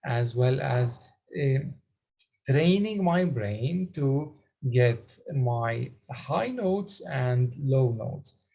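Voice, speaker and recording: A man coaching public speaking on a video call, talking haltingly with many fillers and restarts. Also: mid-range voice, vocal fry, darkish tone, slightly rough. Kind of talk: online coaching session.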